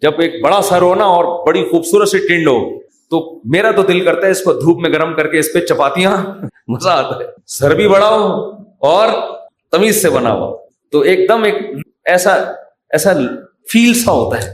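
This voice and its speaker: A man's voice: a little high, animated. Man preaching in an echoey room. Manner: joking, rhetorical questions to the audience. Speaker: Islamic scholar giving a talk. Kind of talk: religious lecture with humor.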